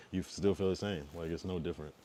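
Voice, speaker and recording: Low-pitched and brisk, he's a thirtysomething from Massachusetts and Connecticut on the US East Coast, chatting easily with people watching his livestream. His volume drifts loud, then his words trail off into mumbles.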